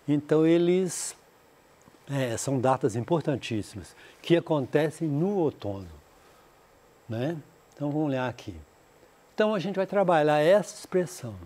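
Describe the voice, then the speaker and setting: A man's voice: a little high, animated, warm tone. A man from Brazil teaching an English lesson on a school TV program, explaining in Portuguese and often saying "né?". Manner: reads English dialogue lines slowly and clearly for students to repeat; explains in Portuguese with frequent "né?" and "então".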